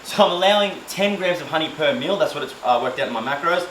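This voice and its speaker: A man talks through his meal prep in a loose, joking, self-mocking way, his voice sitting a touch high for a man. The camera mic picks him up in an echoey home kitchen with a faint sizzle of pans behind him. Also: lively intonation, quick pace, a bit bright. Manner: chatty, jokey, self-mocking, loose with fillers. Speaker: fitness vlogger doing meal prep. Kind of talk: casual cooking vlog. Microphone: camera mic, filmed by a helper. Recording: roomy kitchen with faint cooking noise.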